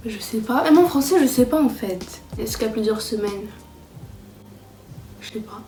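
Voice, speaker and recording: A young woman vlogger chatting casually to camera, self-mocking and excitable. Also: a little high, moderate pace. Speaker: vlogger tracking her language learning. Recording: roomy echo with background music.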